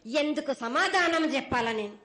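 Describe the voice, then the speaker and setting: A woman's voice: sits high, lively intonation, moderate pace, a bit bright, slight background noise. A woman with a Telangana accent speaking as an oracle in a prophetic trance voice, sternly scolding and warning in broken, repetitive phrases. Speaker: oracle speaking as a mother goddess.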